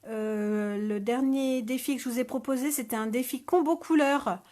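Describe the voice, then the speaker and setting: A woman hosting a scrapbooking channel chats casually in French with viewers on a live stream recorded on a phone, hesitating often and using many fillers. Her voice is a little high and a bit mellow, at normal speed.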